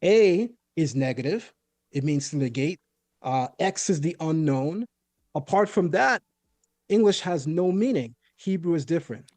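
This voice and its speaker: In an explanatory debate on Hebrew, a man raised in a Caribbean household speaks as a guest debater, laying out his point step by step with frequent check-ins of "right?". His voice is fairly high yet mellow and dark, expressive and at a measured pace. The audio is close and dry, free of echo.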